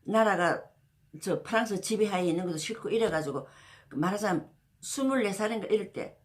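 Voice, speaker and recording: Here a channel host recounts history in a relaxed, rambling way, often restarting and leaning on fillers. Her medium-pitched voice is expressive and her pace moderate, giving the feel of a casual spoken history talk.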